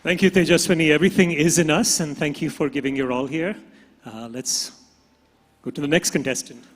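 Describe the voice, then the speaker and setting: A man with an Indian accent hosts a live pageant on stage, speaking briskly in a fairly high voice with fairly even intonation. The stage PA gives it a long hall reverb.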